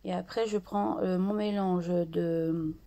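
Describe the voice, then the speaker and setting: A woman hosting a craft tutorial, slowly talking through her art journal steps with many pauses and restarts. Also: lowish voice, steady tone, dark tone. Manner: slow and hesitant, many fillers and restarts.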